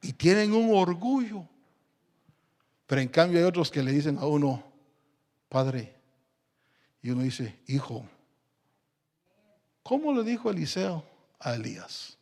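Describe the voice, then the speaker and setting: High-voiced, animated male preacher. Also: moderate pace, long reverb tail. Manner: rhetorical questions to the congregation, dramatic swings in loudness. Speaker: pastor. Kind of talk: evangelical sermon.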